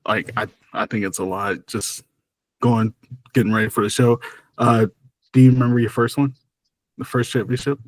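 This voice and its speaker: A man's voice: mid-range voice, level tone, normal speed, pauses often, no echo. Casual podcast host losing his voice. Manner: casual, asks follow-ups with filler "like". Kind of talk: casual interview questions.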